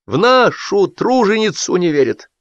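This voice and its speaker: A man's voice: medium pitch, sing-song, moderate pace, no echo, highs cut off, pitched above the performer's own voice. A man reading an audiobook, voicing an effusive, fawning male film director who talks in gushing exclamations. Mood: indignant.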